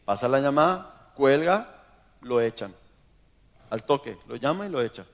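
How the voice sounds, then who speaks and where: A man with an Argentine accent preaching a sermon in church, telling stories in a lively way and acting out the people in them. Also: medium pitch, unhurried. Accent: Argentine Spanish. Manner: animated storytelling, acts out quoted voices. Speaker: pastor. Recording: long hall reverb.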